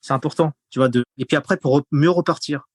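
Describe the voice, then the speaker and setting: Talking fast in a husky voice on the high side, a man who creates content chats as a podcast guest, wandering off track with plenty of fillers and repeated words. It is a casual interview, captured with clean studio sound and no room sound.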